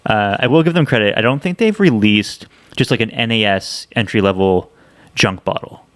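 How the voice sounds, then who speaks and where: A man's voice: fairly low pitch, normal speed. A man co-hosting a podcast in casual, rambling chat. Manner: rambling, restarts, chatty. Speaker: podcast co-host.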